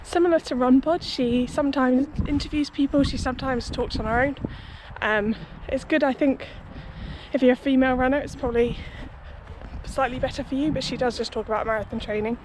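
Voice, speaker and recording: A woman's voice: sits high, fairly even intonation, brisk, a little mellow, rough recording. A young woman chatting casually to her vlog audience in a hedging, conversational way, recorded outdoors. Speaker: running vlogger. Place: outdoors beside a busy city road. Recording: outdoor street noise, passing traffic.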